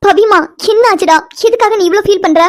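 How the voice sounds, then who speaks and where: A woman's voice: very high-pitched, a little fast. A woman voicing a caring, motherly woman in a cartoon who speaks soothingly and affectionately. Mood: tender. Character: caring motherly older woman, gentle but firm. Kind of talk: cartoon voice acting.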